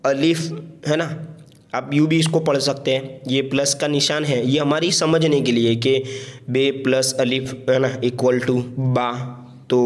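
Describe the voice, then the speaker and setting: A man teaching beginners to read, spelling out letters slowly and patiently, often checking in with his listeners. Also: on the high side. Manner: patient, slow letter-by-letter drilling with frequent "theek hai"; religious phrases woven into teaching. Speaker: Urdu reading teacher. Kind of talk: spoken lesson, spelling out letters.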